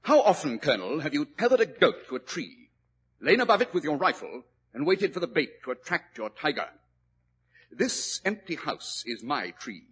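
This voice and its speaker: An actor playing Sherlock Holmes, a cool, triumphant detective with a crisp, ironic manner, in a 1940s radio drama. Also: male voice, on the high side, sing-song, moderate pace, a bit bright, exaggerated voice. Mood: smug triumph. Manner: crisp, ironic, self-assured. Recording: old 1940s radio broadcast.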